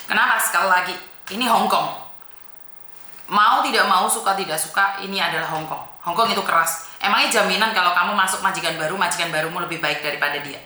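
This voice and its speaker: An Indonesian woman hosts a call-in advice show, scolding the caller bluntly and firmly while slipping in Javanese words. Her voice is lowish, fast and sharp, with a reverberant sound.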